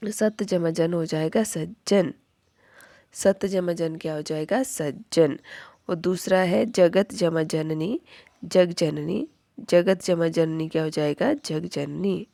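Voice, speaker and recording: A woman's voice: lowish voice, slow, creaky, dark tone, no echo, studio quality. A woman teacher explaining grammar rules step by step, asking the class questions and answering them herself. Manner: repeats each rule as a question, then answers it. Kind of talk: Hindi grammar lesson.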